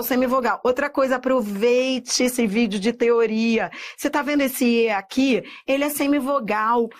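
A woman teaching Portuguese grammar in a video lesson, lively and emphatic, drawing out example words and checking in with the viewer. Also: a little high. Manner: asks rhetorical checks to the viewer.

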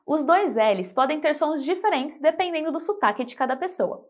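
A woman teaching a scripted pronunciation lesson, speaking clearly and slowing down to model example words. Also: high voice, expressive. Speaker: Spanish teacher.

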